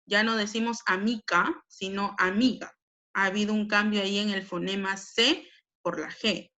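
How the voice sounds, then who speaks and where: A woman's voice: medium pitch, steady tone, normal speed, sharp tone, dull audio. A Peruvian woman teaching a language lesson, explaining patiently with frequent tag questions. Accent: Peruvian Spanish. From Peru.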